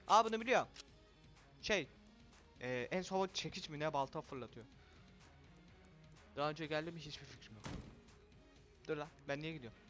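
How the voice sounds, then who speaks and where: A man casually commentating a video game for viewers, excitable and quick to shout and swear when frustrated. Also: fairly high pitch. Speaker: gaming video host.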